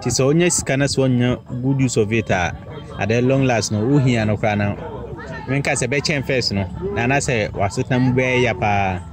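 A man's voice: medium pitch, normal speed. A young man with a Ghanaian accent, answering a street interviewer outdoors into a handheld phone, giving long rambling answers that mix languages. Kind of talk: casual answers. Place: outdoors by a roadside. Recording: outdoor street with crowd noise.

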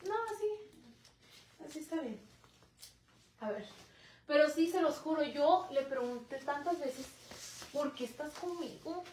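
Chatty Mexican woman, high voice. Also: unhurried, pauses often, darkish tone, slight background noise. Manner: chatty, dramatic, reads viewer comments aloud. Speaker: livestream host. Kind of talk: casual livestream chat.

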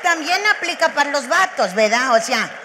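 A woman with a Mexican accent doing stand-up comedy, brash, profane and rapid-fire. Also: high-pitched, lively intonation, in a large hall, background noise.

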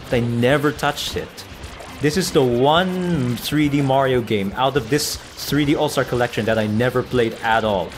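Chatty gaming commentator, excitable man. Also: mid-range voice. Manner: chatty, breaks into excited yelling at the game. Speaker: gaming YouTuber. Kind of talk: let's play commentary. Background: faint game music.

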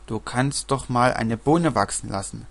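A man's voice: medium pitch, unhurried, gravelly, a bit bright. A man reading a soothing patient mother. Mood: coaxing.

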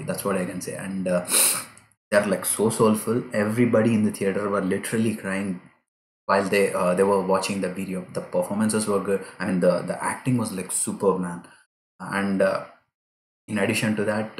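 A young Indian man with an Indian accent, talking casually in a reaction vlog, rambling with many fillers and getting emotional. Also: low-pitched. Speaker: YouTube reactor. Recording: echoey room with music playing.

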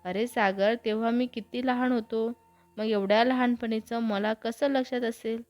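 A woman's voice: fairly high pitch, fairly even intonation, moderate pace, a little mellow, faint music behind, natural voice. Woman reading as a cautious young friend. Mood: apologetic. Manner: cautious, questioning.

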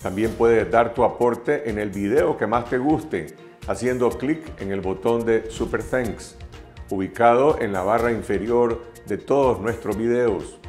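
Older guy in a studio doing a calm to-camera appeal, lapel mic, soft music under. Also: mid-range voice. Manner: calm, measured to-camera delivery. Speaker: presenter making a donation appeal. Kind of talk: scripted direct-to-camera appeal. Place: studio in front of a graphic backdrop.

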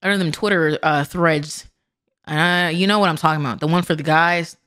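A woman's voice: low-pitched, fairly even intonation, moderate pace, a bit bright, clean tone. A woman streamer reacting live to a video, blunt and full of slang. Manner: slangy, blunt, says "bro" often.

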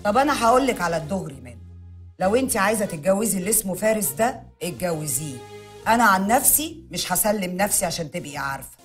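A woman's voice: medium pitch, very animated, fast, faint music behind, natural voice. An actress with an Egyptian accent playing a defiant, bossy young woman who answers bluntly.

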